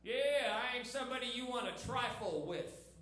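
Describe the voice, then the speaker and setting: A man's voice: extremely high pitch, lively intonation, normal speed, pushed and bright, heavily acted. A man voicing a drunk, menacing bar patron who talks in an old-fashioned threatening way. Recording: echoey noisy comedy club.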